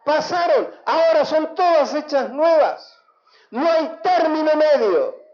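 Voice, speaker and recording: High-voiced Argentine pastor preaching slowly. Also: male voice, expressive, darkish tone. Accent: Argentine Spanish. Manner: emphatic preaching with call-and-response. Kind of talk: sermon. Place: church hall. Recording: echoey church hall, dull lo-fi sound.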